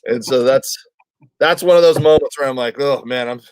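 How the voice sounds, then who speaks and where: A man's voice: medium pitch, moderate pace, a little mellow, smooth, dry recording. A man, a comedian guest, telling a story in a casual interview and acting out the quotes of the people in it.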